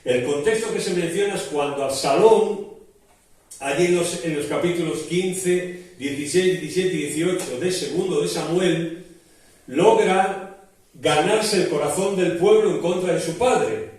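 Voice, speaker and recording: A man's voice: a little high, measured pace, darkish tone. A male pastor preaching a sermon, explaining with frequent restarts and rhetorical questions. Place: church. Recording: very echoey church hall from a distance.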